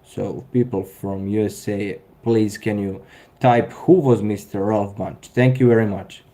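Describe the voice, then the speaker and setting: A man's voice: on the low side, fairly even intonation, a little slow, warm tone. A man in his thirties with a Serbian accent, hosting a casual live stream and answering viewer comments with dry sarcasm and frequent chuckles. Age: 30s.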